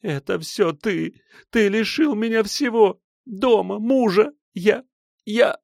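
Man voicing a shrill furious young noblewoman. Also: very slow, dry recording, clean studio sound. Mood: furious, sobbing. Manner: shrill, hissing outbursts. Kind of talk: audiobook character voice.

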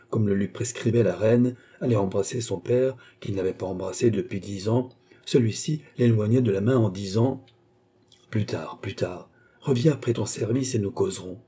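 A man reading a classic novel aloud as an audiobook, in measured, even narration. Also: on the low side, breathy edge. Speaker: audiobook reader.

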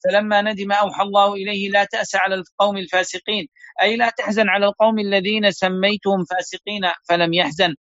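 Male sheikh, high voice, quick steady recitation, dull lo-fi online audio. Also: no echo. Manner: fast steady recitation of narrator chains. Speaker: sheikh teaching a lesson. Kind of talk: reading hadith chains aloud in an online class.

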